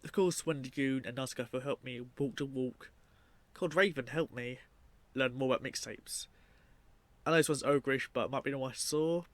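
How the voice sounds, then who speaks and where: A man's voice: medium pitch, moderate pace, no echo. A man narrating his own story in a casual, unscripted way, rambling informally and often trailing off. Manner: rambling, informal, trailing off with 'like' and 'you know'. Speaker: documentary narrator and video creator.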